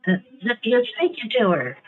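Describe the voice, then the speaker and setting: A woman talking through a voice changer while posing as a scam target, with slow, halting, vague answers over a deliberately muffled phone line. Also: a little high, wildly swooping pitch, breathy edge, faint music behind, pitched above the performer's own voice, exaggerated voice. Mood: playing dumb. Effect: voice changer, muffled on purpose. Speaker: scambaiter.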